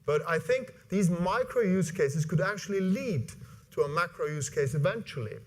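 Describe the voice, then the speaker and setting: A man in his forties from Iceland, giving an animated conference talk from a stage, with many fillers and restarts. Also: sits high, moderate pace. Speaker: conference speaker. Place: large conference hall with audience. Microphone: lapel mic.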